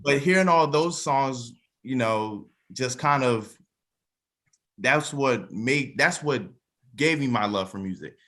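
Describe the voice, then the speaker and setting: Interviewed as a cast member, this twentysomething musician and songwriter keeps things casual and tends to repeat phrases to stress them. His mid-range voice is fairly bright, and he takes his time speaking.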